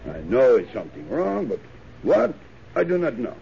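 A gravelly French trapper. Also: male voice, mid-range voice, huge pitch swings, normal speed, dark tone. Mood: puzzled. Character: French-Canadian backwoods trapper, hospitable, superstitious. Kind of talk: 1940s radio acting. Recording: dull old radio broadcast, faint hiss.

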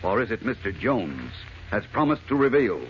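A man's voice: lowish voice, sing-song, normal speed. A man announcing an old radio serial, narrating dramatically and addressing young listeners. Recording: muffled old radio recording with noise.

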